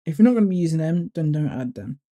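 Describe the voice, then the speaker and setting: A man's voice: on the high side, animated, fast, warm tone. A man casually talks through setting up his code editor, thinking aloud with fillers and self-corrections. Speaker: YouTuber walking through a code editor setup. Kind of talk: casual screen-recording tutorial.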